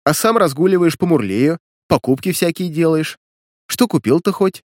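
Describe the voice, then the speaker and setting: A man's voice: fairly high pitch, lively intonation, normal speed, no room sound, clean studio sound, pitched above the performer's own voice, lightly acted. A man reading an audiobook voices a young woman who teases and questions the hero. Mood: teasing. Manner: teasing, questioning. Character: young woman, sarcastic but curious.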